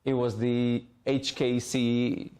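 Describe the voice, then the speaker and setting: A middle-aged man from Hong Kong, a returning alumnus and guest speaker, talks informally with students while sitting in a school library. His medium-pitched voice is clear, resonant and a little mellow, delivered in a slow monotone, and he frequently repeats words while reaching for the phrasing.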